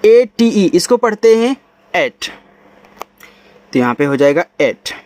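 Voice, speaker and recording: Here a man with an Indian accent teaches English reading during a Hindi-language lesson, going letter by letter through each word before pronouncing it. His voice is high and sing-song with a darkish tone, and he takes things slowly.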